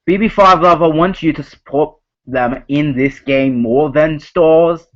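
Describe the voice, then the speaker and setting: A man's voice: on the high side, unhurried. A man hosting a live online game show in a put-on Australian accent, rambling and speaking straight to the players. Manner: rambling, addressing players directly. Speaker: host of an online reality game. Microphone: voice call. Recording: dull lo-fi call audio.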